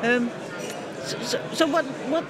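A woman interviewing at a table mic, talking quickly and agreeing often with short yeahs. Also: sits high. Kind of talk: casual interview conversation. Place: large indoor public hall. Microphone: table microphone. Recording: busy hall with crowd noise.

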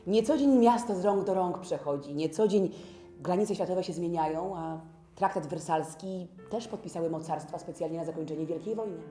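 Woman playing a dark-voiced, earnest 1920s newspaperwoman. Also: lowish voice, normal speed, soft background music, natural voice. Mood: earnest, reflective. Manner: reflective, dramatic storytelling. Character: earnest 1920s newspaperwoman recalling what she witnessed. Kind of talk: theatrical historical audio drama.

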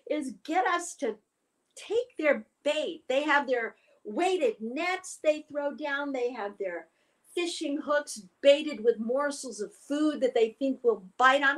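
A vain mermaid sea cow lectures the small sea creatures with lofty scorn, as a woman puts her on. Her speech is slow and drawn out, and she sounds proud of herself. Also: high-pitched, voice pushed up, exaggerated voice.

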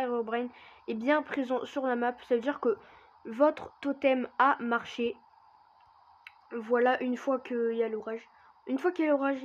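A woman with a fairly high voice talks through a gameplay tutorial in a casual way. She hesitates often, fills gaps with "euh" and swears freely. The recording sounds dull and lo-fi. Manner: hesitant with many fillers and swearing. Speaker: gaming YouTuber.

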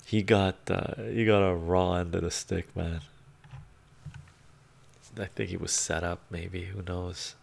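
In a home room lined with bookshelves, a middle-aged native Romanian speaker chats on a live stream and reads comments through a lapel mic. His voice sits low and flat, slow and fry-laden, broken by long pauses. He talks in a rambling way with frequent "right?" asides.

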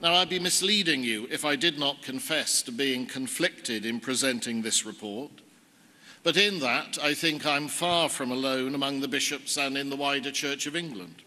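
A man, a bishop, giving a measured formal address to a synod in a large hall. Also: mid-range voice, bright, forceful tone. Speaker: bishop presenting a report. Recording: long hall reverb.

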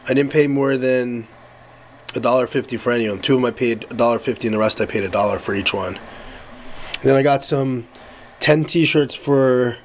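A man's voice: medium pitch, moderate pace, a little hiss or hum, low-quality recording. Rambling man showing off flea market finds. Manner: relaxed, rambling, many fillers and self-corrections. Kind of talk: casual haul vlog.

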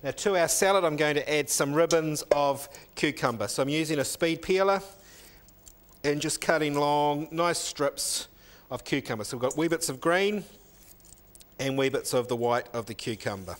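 Here a cooking show chef, a middle-aged man, demonstrates a recipe in a teaching kitchen and describes each step as he goes. Recorded on a lapel mic, his voice is fairly high-pitched and his speed is normal.

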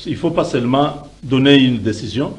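A middle-aged man, calmly explaining his view as a panelist in a studio debate, pausing with hesitations. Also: mid-range voice, low-quality recording. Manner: measured, explanatory, with frequent hesitations. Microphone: desk microphone.

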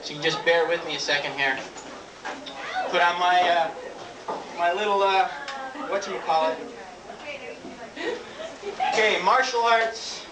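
A young man with a high-pitched voice performs stand-up in a halting, offhand manner. He is heard from a distance in a roomy venue on an old videotape, with a noisy audience around him. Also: steady tone. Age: 20s. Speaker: stand-up comedian. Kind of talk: live stand-up comedy with props. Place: small dark theatre stage with audience. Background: audience laughter and crowd noise.

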